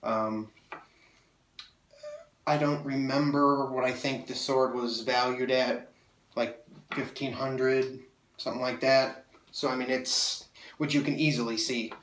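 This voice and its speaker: A young man with a cold-induced nasal tinge reviews a sword enthusiastically, his mid-range voice fairly even and a bit bright. He takes it slowly, pausing often, and his casual talk rambles with many fillers. The small indoor room full of swords echoes, since the camera mic sits several feet away.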